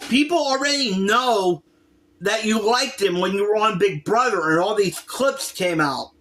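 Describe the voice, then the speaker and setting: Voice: mid-range voice, unhurried, a bit bright. Exasperated, emphatic commentator, mid-range voice. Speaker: reaction video commentator. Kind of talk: casual opinion rant.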